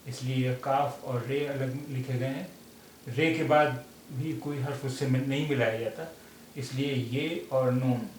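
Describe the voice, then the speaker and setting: A man's voice: mid-range voice, a little mellow. Patient male teacher in an echoey room. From India. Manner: slow, patient, with many pauses and fillers. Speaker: language teacher. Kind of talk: explaining a script letter by letter. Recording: very echoey room, faint background noise.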